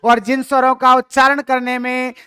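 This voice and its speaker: A man's voice: very high voice, monotone, moderate pace, pushed and bright, smooth, soft background music. A man teaching a lesson, who stretches his vowels and asks and answers his own questions. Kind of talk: classroom lecture.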